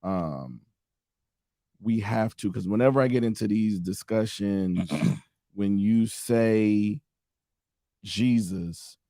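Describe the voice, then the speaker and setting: A man co-hosting a casual podcast debate, explaining his side in a measured, patient way. His voice sits very low and dark, and he talks slowly. The sound is dry and close, with little room echo. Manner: measured, explanatory, many fillers. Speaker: podcast co-host.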